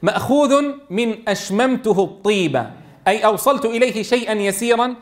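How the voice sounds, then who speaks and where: A man teaching Quran recitation rules to a class, quizzing his students and modeling words in slow, drawn-out recitation. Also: high voice.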